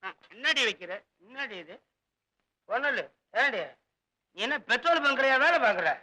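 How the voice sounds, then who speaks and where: A man's voice: extremely high pitch, lively intonation, moderate pace, bright, forceful tone, heavily acted, poor audio. A man playing a boozy, whiny drunken estate servant in a film comedy, slurring, wailing and breaking into song. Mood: grumbling.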